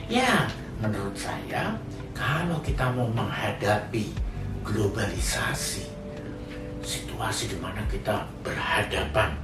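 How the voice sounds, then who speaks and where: Older man lecturing in a roomy space. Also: mid-range voice. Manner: animated, addresses audience as "saudara", many fillers and restarts. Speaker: sociology lecturer. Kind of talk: recorded lecture. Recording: roomy, distant mic, music behind.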